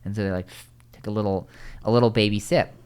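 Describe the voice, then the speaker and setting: A man hosting a casual podcast, rambling with quick asides and restarts. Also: on the low side, fairly even intonation, darkish tone, clear, resonant tone. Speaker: podcast host.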